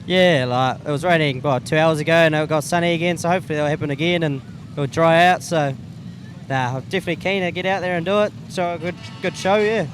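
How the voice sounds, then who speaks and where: A man's voice: on the high side, fast talker, background noise. A man with a New Zealand accent, a stockcar driver talking casually and laid-back in an interview.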